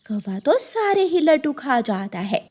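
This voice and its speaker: A woman storyteller reads a children's cartoon from a script in a high voice, a little slowly. Her intonation moves in wide, lively sweeps.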